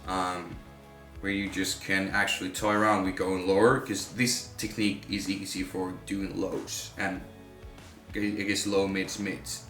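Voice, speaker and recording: A man with a fairly low but bright, forceful voice gives informal instruction as a vocal coach. He talks casually to camera. The room adds noticeable echo, with faint music behind him. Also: monotone, measured pace. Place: room with a home studio setup.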